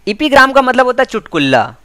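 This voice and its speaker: Indian guy teaching english exam stuff, repeats answers, high smooth voice. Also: sing-song, pushed and bright, no echo. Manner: explains, repeats key answers, reads English slowly. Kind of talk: exam prep lecture.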